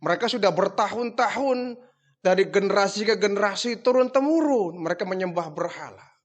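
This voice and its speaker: Male preacher, high voice, casual storytelling sermon, lively asides. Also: fairly quick. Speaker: Islamic preacher.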